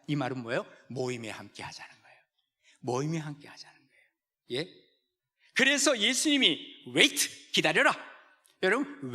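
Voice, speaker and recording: A male pastor delivers a sermon in a church sanctuary. His voice sits high for a man and is bright and ringing. His pitch swoops widely as he keeps quizzing the congregation.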